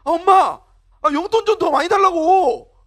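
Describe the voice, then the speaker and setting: A man's voice: very high-pitched, moderate pace, voice pushed up. A man playing a whiny, sulky teenage boy. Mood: whining. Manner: whiny, loud, indignant outbursts. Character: sulky, rude teenage boy snapping at family.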